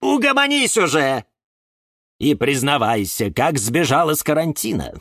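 Guy doing teasing cactus copying someone's yelling, high pitched. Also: sing-song, moderate pace, husky, no room sound, studio quality, exaggerated voice. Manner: mimicking, teasing. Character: mocking cactus with a yellow flower.

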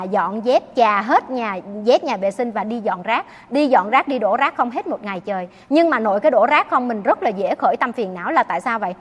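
High-voiced nun preaching in a hall. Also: female voice, breathy edge. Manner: earnest, questioning the audience often. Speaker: Buddhist nun teaching. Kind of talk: dharma talk. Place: temple hall.

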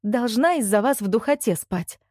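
Cranky young woman read by a woman, grumbly, huffy, warm low-key voice. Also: expressive, normal speed, no room sound, clean studio sound. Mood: irritated. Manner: grumbling, exasperated exclamations. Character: young woman, irritable and uneasy.

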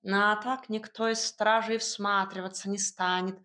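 A woman voicing a grumpy, bossy male talking cat in an audiobook, with a gruff, scolding drawl. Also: mid-range voice, little pitch movement, measured pace, bright, forceful tone. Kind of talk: audiobook character voice.

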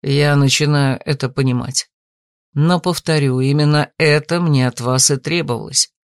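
A woman putting on a courteous, composed man for an audiobook, his voice dropped well below her own and spoken in a measured, politely amused way. It sounds dry and close, with no room around it. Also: low-pitched, dry recording, pitched below the performer's own voice. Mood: calm. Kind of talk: audiobook character voice.

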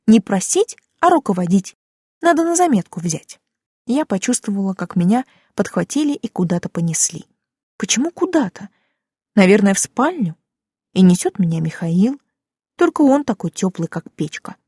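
A woman narrating an audiobook in the first person, expressive, acting out the dialogue. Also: medium pitch, moderate pace, husky, no room sound, clean studio sound.

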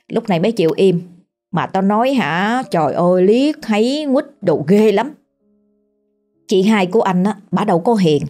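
A woman's voice: fairly low pitch, warm tone. A woman with a Southern Vietnamese accent telling a ghost story in a chatty, colloquial way.

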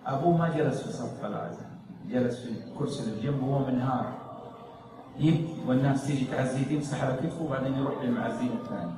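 A man preaching an emotional sermon, telling a story and swinging between loud pleading and hushed tones. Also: medium pitch, racing. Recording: echoey hall, distant mic, faint noise.

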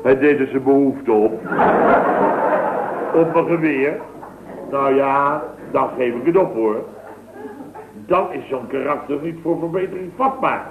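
A comic storyteller delivers a long-winded, mock-grand hunting yarn in a dry style for a scripted radio sketch. His gravelly mid-range voice moves at a measured pace and pauses often. The audio is a tinny, hissy old radio broadcast with a roomy sound.

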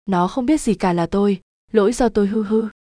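Brief: woman doing a weeping older village mother, mellow tone, close and dry. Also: mid-range voice, fairly even intonation, brisk, no echo, close to an everyday voice. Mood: pleading. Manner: sobbing and pleading.

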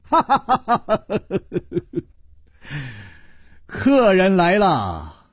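A man's voice: mid-range voice, big pitch swings, measured pace, a little mellow, slightly rough, no room sound, clean studio sound, full character voice. A man doing a cool, teasing swordsman. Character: calm, sly, confident young male swordsman hero.

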